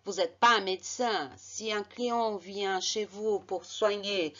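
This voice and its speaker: A woman's voice: medium pitch, steady tone, slow pace, bright, forceful tone, dull audio. Encouraging woman coaching over slides. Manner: encouraging, emphatic, repeats and corrects herself. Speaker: marketing coach. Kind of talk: narrated slide lesson.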